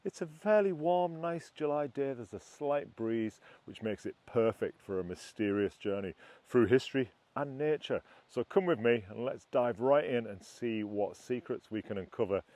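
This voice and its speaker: A man's voice: mid-range voice, lively intonation, moderate pace, a little mellow, no room sound. A man hosting a travel vlog outdoors in the countryside, talking directly to his viewers. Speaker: vlogger, YouTube host.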